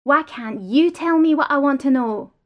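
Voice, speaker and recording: A woman's voice: high-pitched, very animated, measured pace, dull audio, pitched above the performer's own voice. A woman reading the lines of an indignant male worker in an audiobook, pressing and insistent. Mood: pleading. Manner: pleading, raised and insistent.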